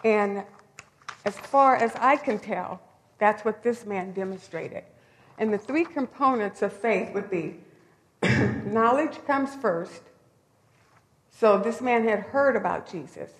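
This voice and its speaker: A woman's voice: medium pitch, expressive, slow, long pauses. A woman preaching a sermon in a conversational, storytelling way, with emphatic rises. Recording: long hall reverb.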